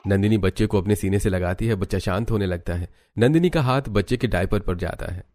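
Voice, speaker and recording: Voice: sits low, a little fast, no echo. एक कथावाचक एक हिंदी कार्टून कहानी को लिखे हुए अंदाज़ में, सधे सुर में सुनाता है।. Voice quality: even, storytelling. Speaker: narrator. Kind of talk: scripted story narration.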